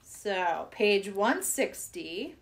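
A woman's voice: mid-range voice, sing-song, extremely slow. A woman reading children's poems aloud in a playful, giggly way. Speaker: poetry reader.

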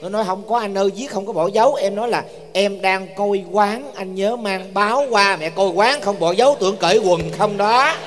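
A man's voice: high-pitched, quick pace, few pauses, natural voice. A man playing a whiny young husband who mocks his family in a live stage comedy sketch. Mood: complaining. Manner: whiny, mocking. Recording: live stage with loud audience noise.

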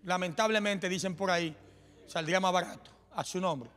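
A man preaching a sermon in a church, impassioned and often shouting, with joking asides. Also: high-pitched, normal speed. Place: church sanctuary. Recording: long hall reverb with faint music.

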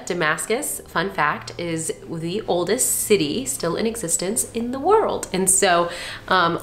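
Speaking casually and informally to viewers, a young adult woman from Dubai and Northern California hosts a friendly vlog while working as a surgery resident. Her voice is fairly low yet fairly bright, recorded in an indoor room by a window.

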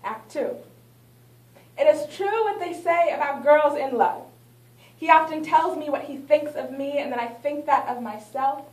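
In an echoey small art gallery, a young adult woman recites spoken word poetry in an unhurried, high-pitched voice, dramatic and punctuated by rhythmic refrains. No mic is used; a distant camera does the recording.

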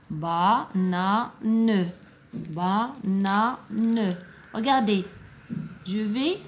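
A woman kindergarten teacher giving a recorded reading lesson for young children, slow and encouraging, praising often. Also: fairly high pitch, slight background noise.

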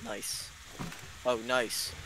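A young man chatting casually while playing a co-op game, excitable and prone to loud yelps when startled. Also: medium pitch, extremely slow, slight background noise. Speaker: co-op gamer. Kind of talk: casual gaming chat.

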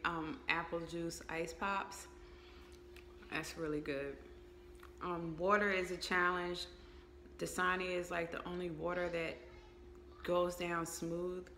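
Slow, candid woman chewing as she talks. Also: fairly low pitch, a bit bright, echoey room, slight background noise. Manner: slow, candid, hesitant with many fillers; eating and chewing while talking. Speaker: vlogger. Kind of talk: casual update vlog.

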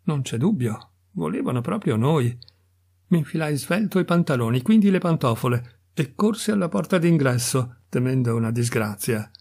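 A man reading a literary story aloud as a narrator, in a measured, expressive storytelling manner. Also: mid-range voice, vocal fry, slightly rough. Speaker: reader of audiobook stories.

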